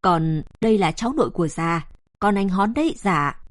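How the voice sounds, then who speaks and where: Casting: respectful young man, quick and polite, read by a woman narrator. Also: on the low side, lively intonation, dry recording, studio quality, lightly acted. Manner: hurried, respectful. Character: earnest young man, dutiful grandson.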